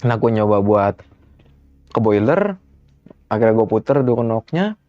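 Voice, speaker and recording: A young man with a Jakarta colloquial accent, casually telling a ghost story as an interview guest and acting out every voice in it with big jumps in pitch. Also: a little slow, dry recording. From Jakarta, Indonesia. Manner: animated, acts out quoted dialogue with sharp pitch jumps. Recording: dull dry recording with faint music.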